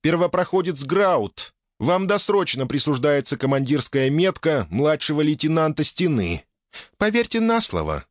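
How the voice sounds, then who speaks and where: Stiff formal woman official, voiced by a man, higher than his own voice, ceremonial. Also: no echo, clean studio sound.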